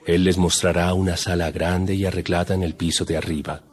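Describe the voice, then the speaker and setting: A man playing Jesus as a solemn, measured teacher in a dramatized audio Bible. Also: low-pitched, level tone, lightly acted. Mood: calm instructing. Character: Jesus, solemn male teacher addressing his disciples.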